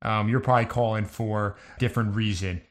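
A man's voice: lowish voice, steady tone, a little fast. A man running a tabletop game as game master, narrating scenes in a casual, loosely improvised, conversational way.

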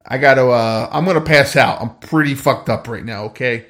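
A man playing a rough, worn-out, streetwise hunter in a tabletop game, talking in an offhand, slangy ramble. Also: medium pitch, fairly quick, a bit bright, close to an everyday voice. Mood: rambling, offhand.

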